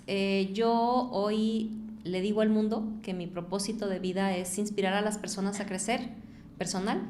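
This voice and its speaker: A woman, an entrepreneur and author, talking as a guest in an interview, reflective and growing more lively when she tells stories. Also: mid-range voice, slight background noise. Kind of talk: conversational interview.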